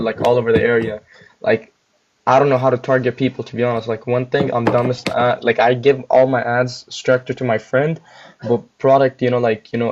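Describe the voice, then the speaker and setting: A man's voice: mid-range voice, a little mellow, a little hiss or hum. Young man rambling over muffled audio. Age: young adult. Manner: rambling, heavy use of filler words. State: chewing gum. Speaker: guest store owner. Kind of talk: casual livestream chat.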